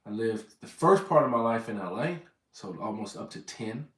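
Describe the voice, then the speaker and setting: This Southern Californian man in his thirties vlogs in a loose, wandering style, frequently correcting himself. His voice is on the low side, expressive and a bit bright, at a moderate pace. He's far from the mic in a reverberant space.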